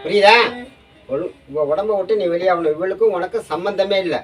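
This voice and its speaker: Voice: medium pitch, brisk, faint music behind. A temple oracle medium leading an exorcism ritual, questioning in a commanding, repetitive way. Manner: commanding, interrogating, repeats demands. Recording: distant mic with loud noise.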